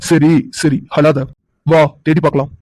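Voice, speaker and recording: A man's voice: on the high side, flat delivery, a little slow, warm tone, no room sound, lightly acted, rough recording. A man voicing a brash young man who teases and argues but has a kind side. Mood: soothing. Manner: brash and teasing.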